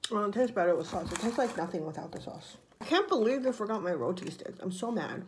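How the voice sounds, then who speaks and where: A woman's voice: mid-range voice, very animated, fast, noisy background. A woman in her thirties chatting casually about food, talking with her mouth full as she chews. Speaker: vlogger eating on camera. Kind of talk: casual chat, mukbang food tasting. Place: room indoors at a table.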